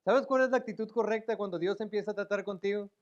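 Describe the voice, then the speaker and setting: A man preaching a sermon in a church, acting out pleading voices and rising to loud emphatic peaks. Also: high-pitched, fast, muffled recording. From Mexico. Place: church sanctuary.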